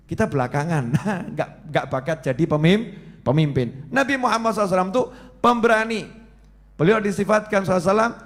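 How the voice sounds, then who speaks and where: High-voiced man preaching. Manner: storytelling, acts out quoted voices, asks the audience questions. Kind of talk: sermon.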